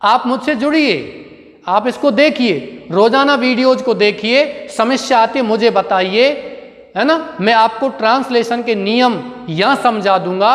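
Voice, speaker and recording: A man with a very high voice teaches a classroom grammar lesson, dictating slowly and carefully. He often asks a question and answers it himself. His voice carries a long reverb, as if the room is large and bare. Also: fairly bright tone.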